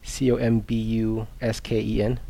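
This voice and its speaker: A man with a low, gravelly voice and a dark, mellow tone, chatting offhandedly on a podcast. He runs a quiz, reading and spelling words out, and laughs often. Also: monotone, normal speed. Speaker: podcast co-host running a quiz. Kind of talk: casual chat.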